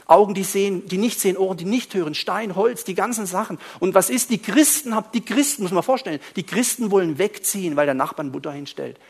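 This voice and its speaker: A man preaching to a congregation, telling stories in an animated way that swings between quiet asides and loud outbursts. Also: high-pitched, fast talker, creaky, few pauses, breathy edge. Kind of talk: storytelling sermon.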